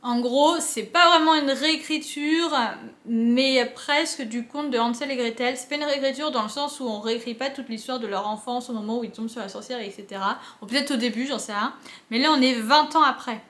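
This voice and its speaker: A young woman chats into a camera on a tripod at home, stumbling through fillers and restarts. Her voice sits a bit high. The room gives it a noticeable echo. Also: a little fast, fairly bright tone. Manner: chatty, many fillers and restarts. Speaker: book vlogger. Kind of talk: casual vlog chat.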